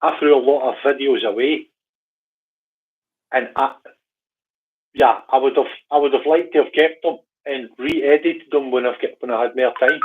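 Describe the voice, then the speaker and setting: A man's voice: medium pitch, normal speed, long pauses. A man from Glasgow talks in an easygoing, hesitant way, leaning on fillers as he explains things. He comes through a narrow, tinny line that sounds like a phone call. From Glasgow, Scotland. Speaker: guest biker. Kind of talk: casual chat over a call.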